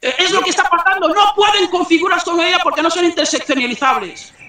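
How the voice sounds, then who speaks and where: High, bright middle-aged man, distant. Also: quick pace. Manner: impassioned, stumbling over words. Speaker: panel guest. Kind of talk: impassioned argument in an online panel. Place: outdoors among trees. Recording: echoey, distant from the mic.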